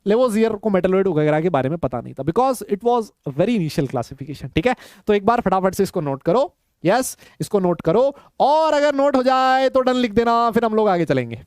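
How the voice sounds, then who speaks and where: A man's voice: sits high, animated, moderate pace, a little mellow, no echo, clean studio sound. A man teaching a live online chemistry class, teasing and bantering with his students as he explains. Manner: teasing, banters with students in Hindi-English mix.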